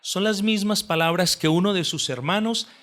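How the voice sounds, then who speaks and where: A man's voice: high voice, normal speed, fairly bright tone. A man preaching an expository sermon, reading scripture with rising emphasis, repeating phrases and asking the congregation questions. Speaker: pastor.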